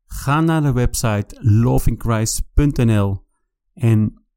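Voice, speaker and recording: A man, a pastor, reading a healing prayer aloud in a slow, solemn way that rises to forceful commands. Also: medium pitch, smooth.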